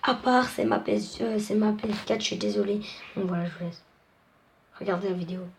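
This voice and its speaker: A woman's voice: medium pitch, fairly quick, gravelly, slight background noise. Rambling woman introducing a reposted video. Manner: rambling, apologetic, talks with restarts. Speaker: channel owner reposting videos. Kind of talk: casual intro to camera.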